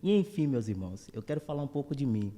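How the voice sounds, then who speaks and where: A man, a guest preacher who speaks with warm, grateful greetings. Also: medium pitch, lively intonation, quick pace, long reverb tail. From Salvador, Bahia, Brazil. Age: 20s. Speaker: guest preacher, church elder. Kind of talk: casual interview talk.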